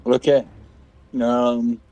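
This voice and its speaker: A man takes part in a tabletop game as a player. His voice is medium in pitch, and he speaks in a loose, casual chat as he works out his moves. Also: flat delivery, extremely slow, mellow, clear, resonant tone, highs cut off.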